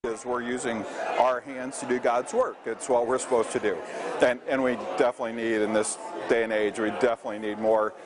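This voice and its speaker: Flat-toned man over busy chatter. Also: medium pitch, brisk. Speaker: church volunteer. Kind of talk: casual interview answer. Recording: busy chatter of people behind.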